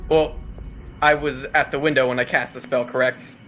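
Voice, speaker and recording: A man's voice: mid-range voice, little pitch movement, normal speed, a bit bright, faint music behind. A man playing in a tabletop game, joking around with the others. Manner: joking, playful. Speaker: player.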